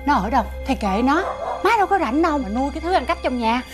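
A stern, domineering mother in a TV drama. She speaks firmly and dismissively, with music playing clearly behind her. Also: high-pitched, expressive, fast talker. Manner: firm, dismissive.

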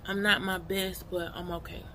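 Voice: mid-range voice, level tone, normal speed, bright, forceful tone, a little hiss or hum. A person chatting casually and colloquially to followers while eating, talking with a mouth full of food. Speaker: vlogger.

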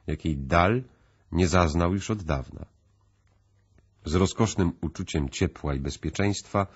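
A man reading an audiobook as narrator, steady and even. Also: deep voice, breathy edge, highs cut off. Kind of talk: scripted narration.

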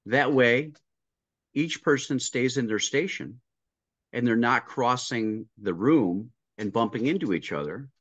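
A middle-aged restaurant consultant joins a casual interview by video call from a home room with a painting behind him, telling work stories step by step, acting out dialogue and restarting often. His voice is medium-pitched and fairly bright, and the audio is dry and muffled.

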